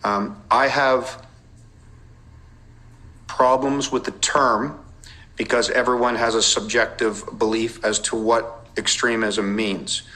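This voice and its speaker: Bright-voiced policeman testifying under cross-examination. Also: medium pitch, level tone, low-quality recording. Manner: measured, precise, careful wording with legal references. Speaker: police intelligence officer testifying as a witness.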